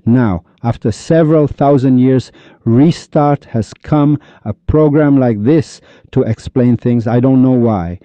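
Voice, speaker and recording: A man's voice: mid-range voice, dry recording. Iranian guy ranting about religion, upset, firing off questions n insults, dry muffled lo-fi sound. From Iran. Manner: scolding, insulting, rapid-fire rhetorical questions. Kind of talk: heated religious monologue. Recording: dull lo-fi recording.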